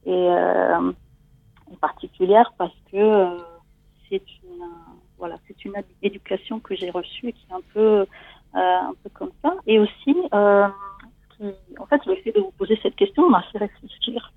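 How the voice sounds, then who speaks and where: An Italian woman in her forties, a guest seeking coaching, shares something personal in a hesitant, conversational way, searching for words in her Italian accent. Her medium-pitched, creaky voice moves at normal speed, with phone-quality sound and no echo.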